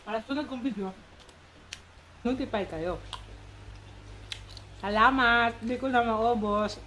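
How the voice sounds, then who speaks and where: Unhurried vlogger, mid-pitch voice, speaks through mouthfuls while chewing. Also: sharp tone, a little hiss or hum, rough recording. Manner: slow, unhurried, with pauses. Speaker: food vlogger. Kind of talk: casual mukbang chat.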